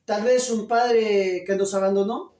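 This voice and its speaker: A pastor delivering a sermon, loud and emphatic, full of rhetorical questions. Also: male voice, sits high, steady tone, measured pace. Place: church. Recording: echoey church from a distance.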